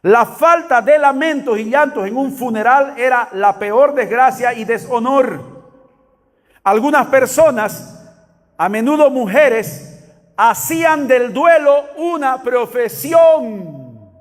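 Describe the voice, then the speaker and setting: High-voiced man preaching in a reverberant hall. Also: slow pace. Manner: emphatic preaching with repeated calls to the congregation. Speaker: pastor. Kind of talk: sermon.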